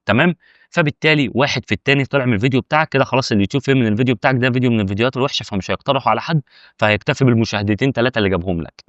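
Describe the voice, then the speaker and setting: A man with an Egyptian Arabic accent hosting a casual explainer, talking fast and arguing back at objections he imagines from his viewers. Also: medium pitch, a bit bright, no echo, highs cut off. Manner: rapid, chatty, argues with imagined viewer objections. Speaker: YouTube tutorial host. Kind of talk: casual direct-to-camera explainer.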